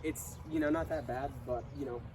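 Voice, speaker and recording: A young man, his voice congested from illness or allergies, casually reviews his lawn mower, rambling hesitantly with lots of fillers and restarts. He speaks briskly at a medium pitch with fairly even intonation, and there's background noise.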